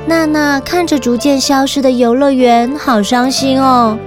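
A woman's voice: high-pitched, steady tone, measured pace, over music. A woman with a Taiwanese Mandarin accent telling stories to children as a kids show host, speaking directly to little listeners. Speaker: children's story podcast host and narrator. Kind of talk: storytelling narration for children.

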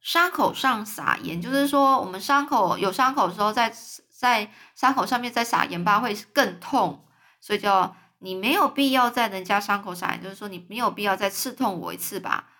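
A woman's voice: mid-range voice, brisk, bright, forceful tone. A woman reading a children's novel aloud as a storyteller, stopping to explain words for young listeners.

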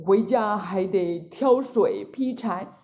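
A woman's voice: mid-range voice, takes it slowly, a little mellow, pitched below the performer's own voice. A woman voicing a clumsy, good-natured pig demon who stammers and chuckles as he brags. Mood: bragging. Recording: echoey, dull lo-fi recording.

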